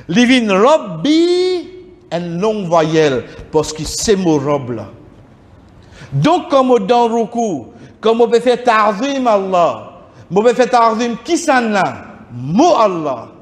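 A man giving a religious lesson in a mosque hall, slowly repeating Arabic words to correct their pronunciation. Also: high-pitched. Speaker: religious teacher.

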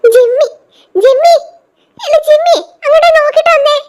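A woman voicing children in a doll show, with a childlike, excitable delivery that turns to shrieks. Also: very high voice, normal speed.

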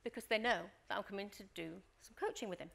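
Running a workshop, this middle-aged woman tells stories and acts out scenes, frequently checking in with "Okay?" as a leadership coach and trainer. Her voice has medium pitch and vocal fry, and she talks at a quick pace.

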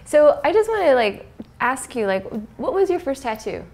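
A woman hosting a casual interview, encouraging her guest with quick affirmations. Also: high-pitched, very animated, a little mellow. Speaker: host.

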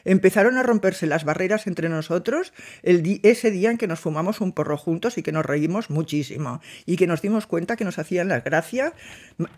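A woman's voice: on the low side, animated, brisk, a little mellow. An older woman, telling a personal memory to camera in a chatty, digressive way and acting out the dialogue. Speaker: host recounting a memory.

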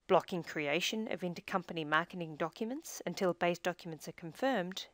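A fairly low-pitched woman reads a software tutorial script in a steady, instructional tone. The voice-over is close-miked and free of room sound.

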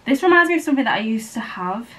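Young female vlogger, slightly high voice, rambling, offhand chat to camera at home. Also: very animated, rapid-fire, background noise. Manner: chatty, rambling, fond of "like" and "blah, blah, blah". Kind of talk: casual vlog chat to camera. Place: at home indoors.

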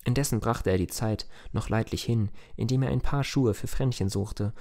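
A man giving a scripted audiobook narration in a calm, measured storytelling manner. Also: mid-range voice.

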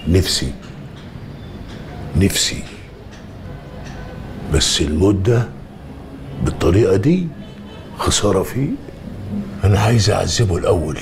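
A man's voice: low voice, lively intonation, unhurried, long pauses. An actor playing a cold, commanding male official with an Egyptian accent who hunts a missing file and speaks in threats. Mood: menacing. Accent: Egyptian Arabic. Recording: loud film music underneath. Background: film score music.

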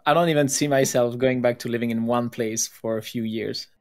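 A man in his thirties from Belgium, a podcast guest telling his life story with lively laughs, on a video call with a desk mic. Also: mid-range voice, a little fast. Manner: animated, laughs often, gestures while talking. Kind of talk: conversational storytelling. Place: home room with plain blue wall.

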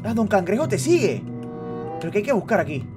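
A young man giving excited gameplay commentary, shouting when startled. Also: high-pitched, fast. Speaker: gamer streamer. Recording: voice over game music.

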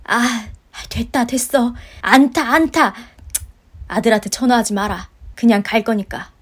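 A woman's voice: a little high, unhurried. A woman voicing a pushy, guilt-tripping older mother-in-law in a story-radio drama, scolding and sighing. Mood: nagging. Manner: scolding, wheedling, sighs of complaint.

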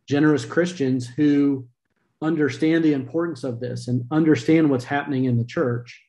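This podcast host, a middle-aged man, runs a video-call interview from indoors at home, talking sincerely and dropping the occasional filler. His pitch sits in the middle and his tone is dark. The webcam recording sounds muffled.

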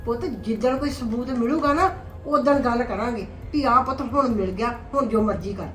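A woman plays a middle-aged Punjabi mother who keeps talking her son down with gentle advice. Her voice is fairly high and sits far from the mic. A roomy echo and faint music lie under it. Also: normal speed, natural voice. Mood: lecturing. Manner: soothing, pleading advice. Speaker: mother of the husband. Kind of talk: family drama acting.

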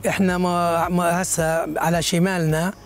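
A man's voice: high-pitched, little pitch movement, moderate pace, very noisy. A middle-aged man, explaining local history and geography in an outdoor interview on an open hillside. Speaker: local guide.

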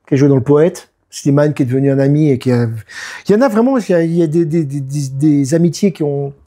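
The speaker is a musician and producer in his fifties, a guest in a laid-back interview who brings his stories to life by acting out what people said. His voice sits a little high and moves at a quick pace.

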